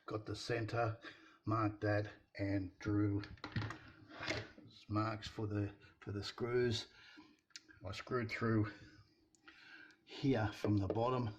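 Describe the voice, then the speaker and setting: A man casually talking through a woodworking build in his shed, plain-spoken and self-deprecating. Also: lowish voice. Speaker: hobby woodworker. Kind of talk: casual workshop narration. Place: home shed workshop. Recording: dull lo-fi sound with faint noise.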